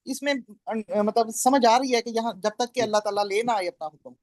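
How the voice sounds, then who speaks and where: A man in an online class, thinking aloud slowly about a translation. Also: sits high, no echo. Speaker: class participant.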